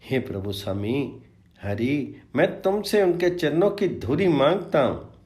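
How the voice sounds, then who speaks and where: A man reads devotional scripture at a slow, unhurried pace. He chants each verse and then explains it plainly. His pitch moves lively up and down through the recitation. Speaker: scripture reader and expounder.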